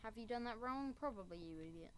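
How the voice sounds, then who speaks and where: Her voice sits on the high side, lively and quick, with a little hiss or hum in the recording. She's narrating a laid-back Minecraft build tutorial, wandering off topic and poking fun at herself.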